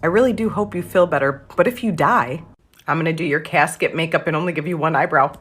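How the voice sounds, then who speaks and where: A young woman delivering a comic message to a friend with dark, deadpan jokes. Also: deep voice, fast, husky.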